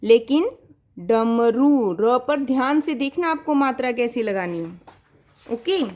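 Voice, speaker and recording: Woman primary teacher; high voice, unhurried, patient and coaxing, mixes in English words, drags out dictation words. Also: expressive, darkish tone. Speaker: primary school Hindi teacher. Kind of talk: online class for young children.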